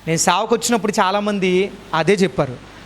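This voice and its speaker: A man's voice: high voice, a little fast. Man preaching with rhetorical questions. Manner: fires repeated rhetorical questions at the listeners; colloquial, urges the congregation to answer aloud. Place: church hall.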